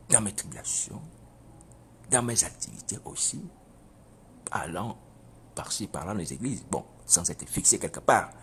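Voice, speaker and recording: A man with a very low voice gives a spoken testimony, his pitch rising and falling in lively swings. He talks haltingly, repeating himself and checking in with listeners. Faint background noise sits behind him. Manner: halting, repeats phrases, asks listeners "you see?". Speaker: preacher giving a testimony. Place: living in Europe.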